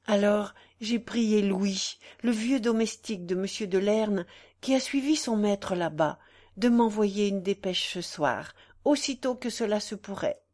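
A woman's voice: mid-range voice, unhurried, darkish tone, close to an everyday voice. A woman reading the part of an anxious young married noblewoman who speaks curtly, with tense hesitation.

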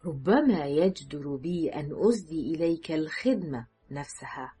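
A fierce, anguished father holding a gun, voiced by a woman narrator, speaking slowly and deliberately. The voice is deep and very husky. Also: lively intonation, warm tone, soft background music, exaggerated voice.

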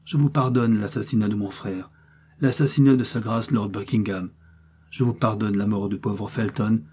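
A man's voice: lowish voice, fairly even intonation, normal speed, a little mellow, breathy edge. A man voicing a solemn, aggrieved lord. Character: stern, aggrieved English lord seeking justice.

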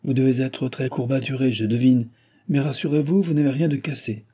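A man's voice: mid-range voice, steady tone, a little fast, warm tone, breathy edge, voice pushed up, natural voice. A man voicing a tall, bony American doctor who speaks French with a guttural foreign accent, placid but firm and grumbling. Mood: placid, reassuring.

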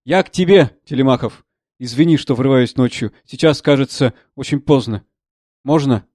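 Polite, soft-spoken middle-aged professor in a read play, voiced by a man, gentle apologetic tone, dry sound. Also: medium pitch, moderate pace, dry recording, close to an everyday voice. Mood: courteous. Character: mild, courteous middle-aged male professor.

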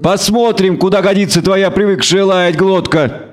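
A man's voice: high-pitched, fairly even intonation, moderate pace, pitched above the performer's own voice, natural voice. A man voicing a fierce, scornful young female elf warrior who hisses her threats at a bound captive. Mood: hissing scorn. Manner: hissing, contemptuous.

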